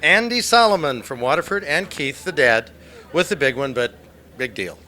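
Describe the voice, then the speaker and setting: Male outdoor-show host, folksy, higher voice, very animated pitch, casual questions, faint noise behind. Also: normal speed. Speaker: host and field interviewer. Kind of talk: casual interview with narration. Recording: faint background noise, field recording.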